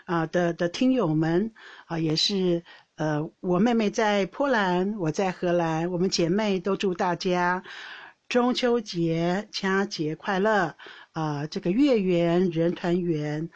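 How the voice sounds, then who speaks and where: A woman's voice: on the low side, muffled recording. A woman hosting a podcast, telling a personal story in a rambling, casual way with frequent laughs and restarts. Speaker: podcast host; older sister co-hosting with her sister. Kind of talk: casual chat.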